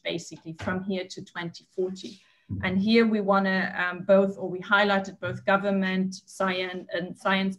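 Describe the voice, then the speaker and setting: A woman presents to a conference panel at a middling pitch. She hurries along, and her talk is full of fillers and restarts as she works through her points. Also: background noise.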